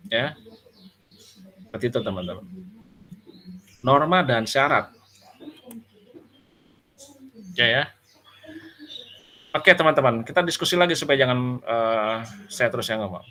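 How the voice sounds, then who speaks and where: A man's voice: medium pitch, animated, unhurried, long pauses, pushed and bright, a little hiss or hum. A male lecturer giving a casual, conversational lecture to his students. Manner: conversational, addresses students as friends.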